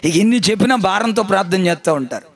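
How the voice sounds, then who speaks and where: A man's voice: high-pitched, animated, fast. A man preaching a sermon as pastor, emphatic, repeating his phrases and calling on the congregation to answer. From India.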